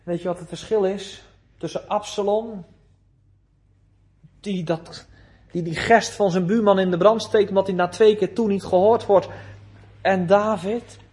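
A preacher with a notably high voice works through his sermon at a slow, deliberate pace. He presses hard on key phrases, then lets his voice sink low and soft. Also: fairly even intonation. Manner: earnest preaching, rising to loud emphasis then dropping low.

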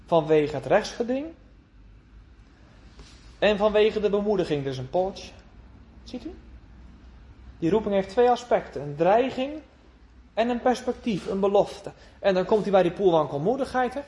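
High-voiced man preaching earnestly. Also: lively intonation, normal speed, pauses often. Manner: earnest, swinging between emphatic raised lines and hushed tender phrases; uses old biblical phrasing and rhetorical questions. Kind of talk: sermon.

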